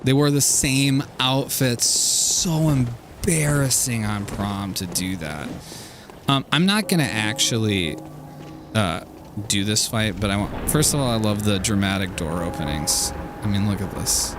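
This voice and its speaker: Slow-talking man doing game commentary. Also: fairly low pitch, animated, background noise. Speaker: video game streamer. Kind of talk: casual rambling game commentary.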